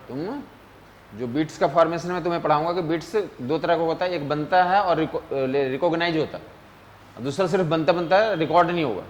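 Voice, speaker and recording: Man lecturing physics, higher pitch. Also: slight background noise. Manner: keeps asking students if they follow; mixes Hindi with English terms. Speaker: physics teacher. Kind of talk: casual classroom lecture.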